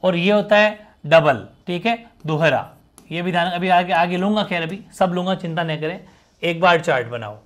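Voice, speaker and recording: A man's voice: high voice, normal speed, a bit bright. A man teaching an exam-prep grammar lesson, emphatic and repeating key words.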